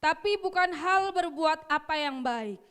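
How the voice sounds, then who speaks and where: A woman reading Bible verses aloud at a steady, measured pace during a church service. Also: high-pitched. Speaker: scripture reader.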